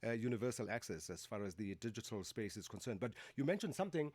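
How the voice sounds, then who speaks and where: A man's voice: lowish voice, very animated, fast talker, darkish tone, no echo. A man hosting a radio interview who asks long questions and affirms his guest, with many uhs. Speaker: radio host.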